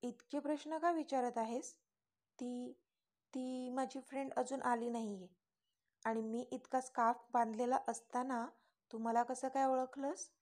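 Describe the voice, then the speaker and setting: A flustered young woman, caught out and snapping back, stammering over her words, as a woman storyteller reads her. The voice is fairly high and a bit louder than the narration. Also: steady tone, measured pace.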